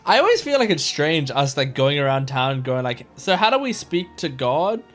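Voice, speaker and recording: This Australian gaming streamer's voice is on the high side, sing-song and a bit bright, at a moderate pace. He jokes and reacts casually to a video game, reading some text aloud, while faint game music plays.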